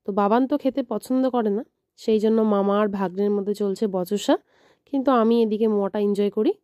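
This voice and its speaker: Bengali-accented woman chatting thru her family vlog, casual home narration on a phone, mid-pitched voice. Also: quick pace, no room sound, studio quality. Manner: coos high and sing-song to a baby; speaks hushed and low in the morning. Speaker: vlogger.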